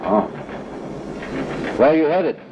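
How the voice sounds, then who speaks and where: An actor playing a suspicious, questioning checkpoint inspector in a 1940s film, with a wry way of talking. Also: male voice, animated, slow. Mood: suspicious, probing. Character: suspicious, prying male checkpoint inspector on a train. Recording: muffled old film soundtrack, clear rumbling noise.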